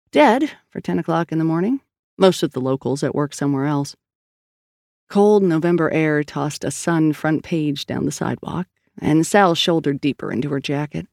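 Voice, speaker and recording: A woman narrating a story in an even, steady storytelling manner. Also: low-pitched, dry recording, studio quality. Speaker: audiobook narrator. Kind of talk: scripted narration.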